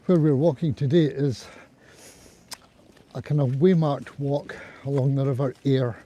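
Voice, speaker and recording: On a cold, windy riverside trail, a man hosting a group-walk livestream talks casually to his viewers, rambling and saying hello along the way. His husky, mellow, mid-range voice keeps a fairly even intonation at a measured pace. The recording from the small DJI mic clipped near his throat sounds muffled.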